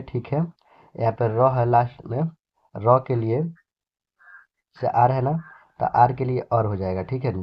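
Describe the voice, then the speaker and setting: Man teaching slowly, slightly muffled recording. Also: mid-range voice. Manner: explains slowly, repeating words and adding a check at the end of lines. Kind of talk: classroom-style lesson.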